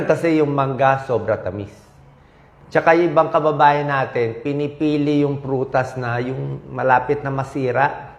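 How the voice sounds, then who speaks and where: A man's voice: mid-range voice, measured pace, gravelly. A man with a Filipino accent giving casual health advice as a doctor, talking conversationally and often checking in with his listeners. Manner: conversational, frequent "okay?" and "di ba?" check-ins. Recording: roomy echo.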